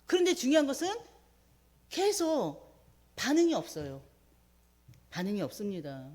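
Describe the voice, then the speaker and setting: A woman preaching a midweek sermon, retelling a scripture story with animated voices for the quoted prayers. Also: on the high side, moderate pace.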